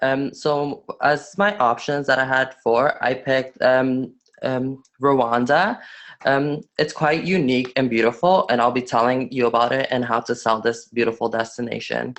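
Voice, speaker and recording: A man's voice: medium pitch, steady tone, a bit bright. Young man presenting with lots of ums. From Afghanistan. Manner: halting, many fillers and restarts. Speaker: student presenter. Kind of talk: webinar presentation.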